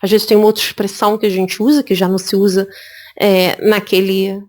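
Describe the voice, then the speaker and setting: A woman from Brazil teaching an English exam prep lesson, lively and repeating words for emphasis. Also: mid-range voice, brisk. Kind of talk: spoken lesson.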